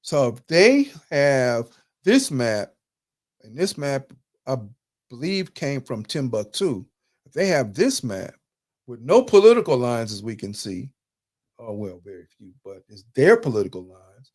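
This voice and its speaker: A man's voice: medium pitch, very animated, measured pace, a little mellow. A man hosting a live talk, lecturing over slides in a conversational, emphatic way, with speech. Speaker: host.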